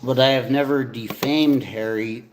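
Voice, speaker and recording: A man's voice: medium pitch, steady tone, a little slow. A man in a casual livestream debate, talking informally and argumentatively, his voice echoing as if in a tunnel. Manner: informal, swearing, rambling argumentative talk. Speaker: streamer. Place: echoey indoor space. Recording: echoing room.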